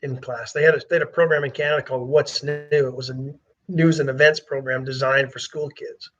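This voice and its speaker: A man's voice: medium pitch, little pitch movement, a little fast, fairly bright tone. Man co-hosting talk radio. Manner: conversational, repeats words while thinking. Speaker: radio talk show co-host. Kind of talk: casual chat, reading listener comments. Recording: dull lo-fi sound.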